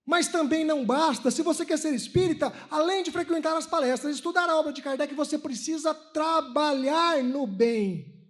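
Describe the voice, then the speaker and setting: A Brazilian man in his thirties with a very high voice gives a spiritist talk to a conference audience. He tells personal stories with energy and acts out each bit of dialogue in the voices of the people involved. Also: moderate pace. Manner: animated storytelling, acting out dialogue. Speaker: spiritist lecturer. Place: lecture hall at a religious conference.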